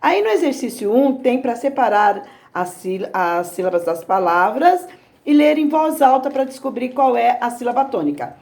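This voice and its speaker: Brazilian woman, primary teacher, warm and mellow tone, exaggerated slow syllables for children. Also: a little high, lively intonation, gravelly. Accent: Brazilian Portuguese. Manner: slow, exaggerated sounding out of words. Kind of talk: recorded lesson for young children.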